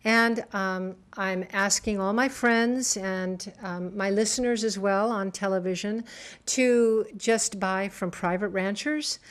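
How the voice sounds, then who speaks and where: A woman's voice: medium pitch, steady tone, slow. A woman, a TV host, leaving an earnest, indignant protest voicemail on the phone and stumbling over repeated words.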